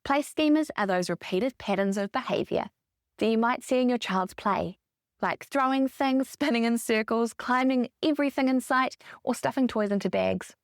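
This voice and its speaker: A woman in her thirties hosting a podcast, giving an upbeat scripted monologue that explains each point with lively emphasis. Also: a little high, normal speed, no room sound, clean studio sound. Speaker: podcast host.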